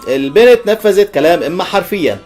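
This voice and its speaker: A man with a Levantine Arabic accent tells short jokes in a playful storytelling way. His voice sits high for a man. Faint instrumental music plays underneath. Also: lively intonation, fast, a little mellow. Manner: playful storyteller who laughs at his punchlines. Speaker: joke teller. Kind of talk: telling jokes for a video.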